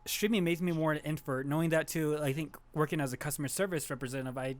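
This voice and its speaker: A man on a streamers' podcast talks in a fairly high voice. He halts, restarts and searches for words as he speaks. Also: fairly even intonation. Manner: hesitant, halting, many restarts. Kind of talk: casual chat.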